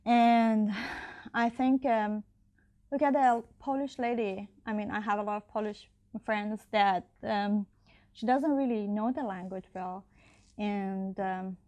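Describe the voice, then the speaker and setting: Her mid-range voice is steady in tone and a little mellow, and she speaks a little slowly. She's a young election candidate responding to interview questions in English, not her native language, with many fillers and restarts, and her first language isn't Icelandic.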